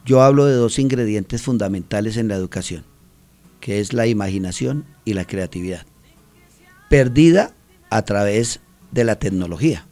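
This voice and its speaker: A man's voice: on the low side, normal speed, darkish tone. A middle-aged man from Colombia, a teacher and author, talking earnestly in a radio interview and acting out the voices in his stories. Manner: earnest storytelling, acts out quotes.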